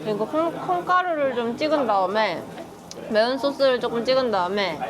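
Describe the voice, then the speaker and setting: Chatty woman vlogger eating out, playful little exclamations, kinda high voice, loud diners all around. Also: lively intonation, moderate pace. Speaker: food vlogger. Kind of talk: casual mukbang chat. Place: busy restaurant. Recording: restaurant crowd chatter behind.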